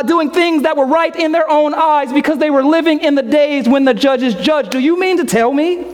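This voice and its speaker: A woman preaching a sermon with emphatic repetition and rhetorical questions. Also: sits high. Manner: slow, emphatic, repeating phrases, rhetorical questions.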